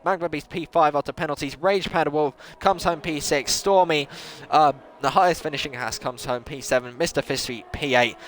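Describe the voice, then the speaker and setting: The lead commentator on an online racing series delivers excitable live play-by-play, his pitch jumping sharply at the big moments. He talks briskly, with hardly any pauses.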